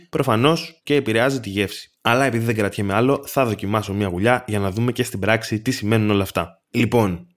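Young male solo podcaster, middle pitch, casual sarcastic rambler with salty language. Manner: sarcastic, ranting, profane asides. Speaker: podcast host.

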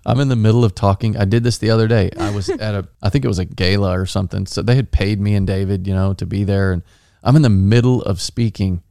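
A man's voice: fairly low pitch, steady tone, fast talker, vocal fry, dark tone, dry recording, clean studio sound. An American man co-hosting a podcast, chatting casually and joking with short quips. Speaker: podcast co-host. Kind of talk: casual chat.

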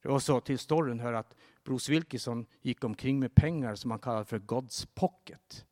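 A man preaching a sermon, telling a story and urging his listeners to pray, rising to emphatic, higher-pitched exhortations. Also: a little mellow. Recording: long reverb of a large hall.

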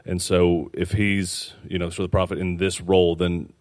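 A man speaking informally in a church discussion, in a tentative, rambling, halting way. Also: sits low, little pitch movement, a little mellow. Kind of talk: informal spiritual teaching discussion.

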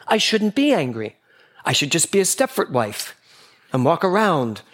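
Male spiritual speaker to a live audience, playful, acts out quoted voices, very lively pitch. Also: normal speed. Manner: playful, animated, acting out little exchanges in quoted voices. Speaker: speaker giving a spiritual talk. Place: gathering hall with a live audience.

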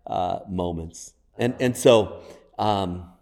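A man speaking as a podcast guest, telling stories conversationally and deliberately, pausing for emphasis. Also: low-pitched, creaky, darkish tone. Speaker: podcast guest, church pastor. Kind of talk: conversational storytelling and reflection. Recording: long reverberant room sound.

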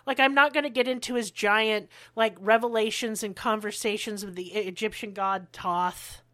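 A woman's voice: medium pitch, fairly even intonation, moderate pace, sharp tone. A woman hosting a podcast, telling history in a blunt, sarcastic way and swearing freely. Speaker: podcast host. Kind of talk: casual history chat.

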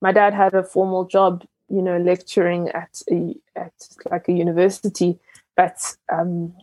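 A woman from Ghana, a young entrepreneur, speaks in a lowish, fairly even voice with a mellow tone. She thinks aloud with many pauses and self-corrections, and the recording is close and dry. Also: no room sound. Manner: reflective, with frequent fillers and restarts. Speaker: entrepreneur guest. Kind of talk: interview conversation.

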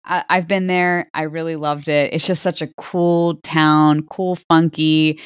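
A woman's voice: low voice, little pitch movement, unhurried, clear, resonant tone, dry recording, clean studio sound. A woman co-hosting a podcast, chatting casually about travel with many filler words. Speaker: podcast co-host. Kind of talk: casual chat.

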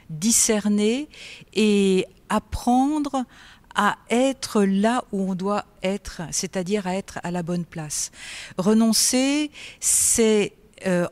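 A woman with a French accent, a religious author and theology teacher, answering interview questions in a quiet, thoughtful way at a book fair. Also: medium pitch. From France. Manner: soft-spoken, thoughtful and explanatory. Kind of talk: interview conversation.

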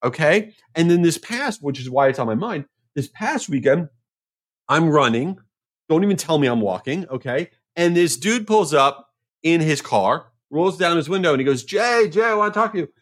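A male podcast host telling a story in a casual monologue, animated, with mock exasperation. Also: a little high, normal speed.

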